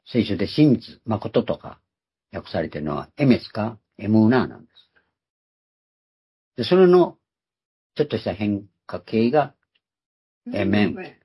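A man's voice: on the low side, expressive, normal speed, dark tone, husky. A man giving a Bible teaching sermon, explaining terms one by one and repeating key words for emphasis. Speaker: preacher. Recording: dull lo-fi recording.

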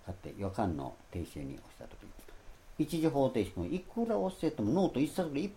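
A man giving a Bible lecture in a rambling sermon style, stressing his points and loudly acting out the phrases he quotes. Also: mid-range voice, huge pitch swings, a little fast, a little hiss or hum. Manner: rambling, repeats himself. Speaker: Bible teacher.

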